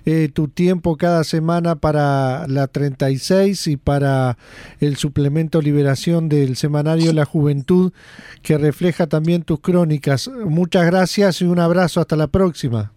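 A man's voice: a little high, normal speed, mellow, dry recording. Courteous male radio host, dry sound. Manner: brief, courteous prompts and sign-off. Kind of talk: radio interview hosting.

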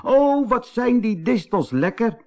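A man voicing a cheeky, boastful young male rabbit trickster in a storybook, squeaky and bossy. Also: lively intonation, measured pace, warm tone, exaggerated voice. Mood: gloating. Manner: squeaky, bossy and pleading by turns.

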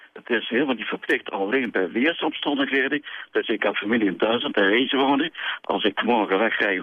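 Older male radio caller on a tinny phone line, husky and gravelly, rambling and insistent. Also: lowish voice, no echo. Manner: rambling, insistent, hesitant with many fillers. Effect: heard over a telephone line. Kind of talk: call-in radio chat.

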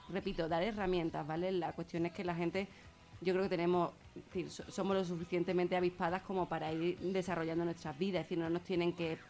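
A woman with a lowish, darkish voice and a Spanish accent from Spain talks informally as a radio guest. Her subject is feminist therapy and gender violence, and she explains reflectively, repeating words for emphasis.

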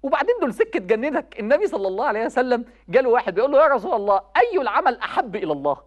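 Young Egyptian woman preacher, fast, animated, high-pitched, urgent and pleading delivery. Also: muffled recording. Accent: Egyptian Arabic. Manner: impassioned, pleading, addresses the youth directly. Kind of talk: religious talk.

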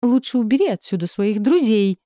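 A woman reading an audiobook, voicing a fussy, house-proud middle-aged mother who wails theatrically in a thin, high voice. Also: lively intonation, normal speed, dark tone, no room sound, clean studio sound, lightly acted. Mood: hysterical. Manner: shrill, theatrical wailing.

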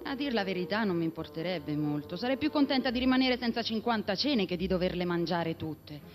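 A woman's voice: medium pitch, expressive, brisk, faint music behind, lightly acted. A woman voicing an imaginative little girl chattering playfully to her kitten. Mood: dreamy.

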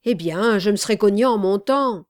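A woman voicing a coarse male accomplice who answers in mumbled, gruff retorts. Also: medium pitch, moderate pace, darkish tone, no echo, clean studio sound, close to an everyday voice.

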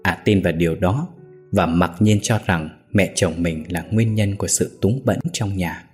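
Low-voiced male storyteller over soft music. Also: normal speed. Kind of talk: dramatic story narration. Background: faint music.

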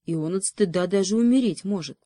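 A woman voicing a curious, sympathetic male hare in a storybook, inquisitive and excitable. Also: medium pitch, brisk, dry recording, studio quality, natural voice. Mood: excited.

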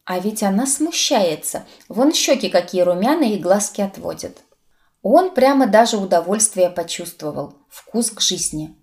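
A woman narrating an audiobook in a lively, expressive reading. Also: mid-range voice, moderate pace.

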